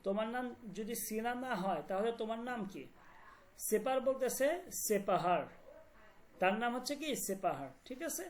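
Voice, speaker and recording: A woman teaching a language class online, explaining words slowly and often asking whether students follow. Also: mid-range voice, expressive. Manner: repeats words and checks understanding often.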